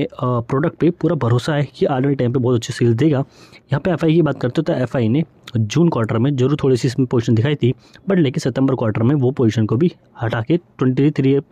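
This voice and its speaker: Fast-talking man explaining stock charts. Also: medium pitch, warm tone, husky, dry recording. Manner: brisk, repeats "theek hai" often, mixes English terms. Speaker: stock market educator. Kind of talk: fast screen-share chart walkthrough.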